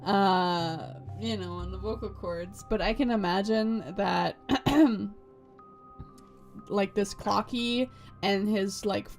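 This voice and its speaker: A woman's voice: mid-range voice, slow pace, faint music behind. A young woman streaming a game, giving rambling, sarcastic casual commentary.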